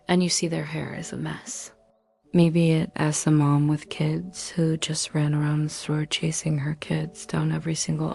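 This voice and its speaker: Low, flat, gravelly woman narrating calmly. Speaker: motivational narrator. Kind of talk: scripted self-help narration.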